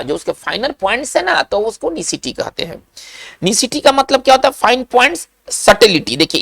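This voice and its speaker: A woman teaching English vocabulary in an online lesson. She explains patiently, often checks that the viewer is following, and slows right down to dictate the example sentences. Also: lowish voice, creaky, fairly bright tone, dry recording, studio quality.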